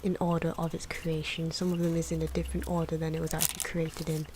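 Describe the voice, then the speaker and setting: A soft-spoken woman, an ASMR video creator, narrates her own drawing, often sliding into a breathy whisper with unhurried, hesitant phrasing. Her voice is low and monotone. The recording is noisy, with pencil and pen scratching, ambient sound and outdoor wind.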